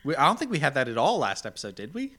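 Medium-pitched man in casual podcast chat. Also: huge pitch swings, rapid-fire. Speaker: podcast co-host.

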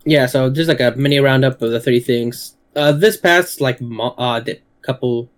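A man's voice: medium pitch, moderate pace. Hesitant man reading gaming news. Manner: hesitant, lots of uh and restarts. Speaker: podcast co-host. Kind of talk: casual gaming podcast chat.

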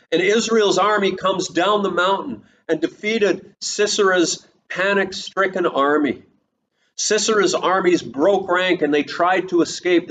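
A slightly high-pitched man preaching from the pulpit, telling the story with bursts of voiced dialogue. The recording sounds a little dull and carries a faint hiss. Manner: retells the story and quotes its people in lively snatches of voice. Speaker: pastor. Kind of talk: sermon storytelling.

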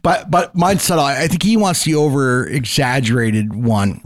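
A man's voice: medium pitch, moderate pace, no echo, studio quality. A man hosting a podcast in casual, informal chat, talking loosely and with some swearing. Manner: informal, profane. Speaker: podcast host.

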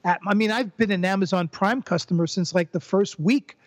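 A man's voice: high-pitched, fairly quick, dry recording. An older man, a former professor, talking through ideas in a podcast interview, often restarting and repeating words as he builds a point. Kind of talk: conversational interview.

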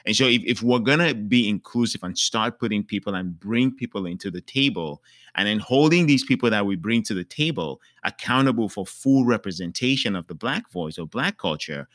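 A man's voice: fairly low pitch, expressive, brisk, fairly bright tone, no room sound, studio quality. A man from Cameroon in a casual panel discussion, asking earnest, probing questions.

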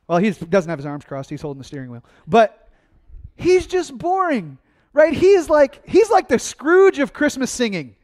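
A man preaching a sermon, energetic and conversational, asking his congregation questions and answering them himself. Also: very high-pitched. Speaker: pastor.

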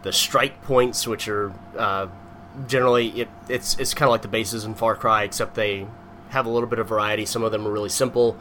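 A man co-hosting a casual gaming podcast, telling a rambling, animated story full of fillers. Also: lowish voice, brisk, a little hiss or hum. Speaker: podcast co-host. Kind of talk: casual chat.

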